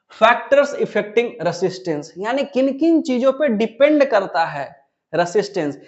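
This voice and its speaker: High-voiced male physics teacher. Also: muffled recording. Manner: repetitive, asks questions then answers them himself. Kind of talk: classroom lecture.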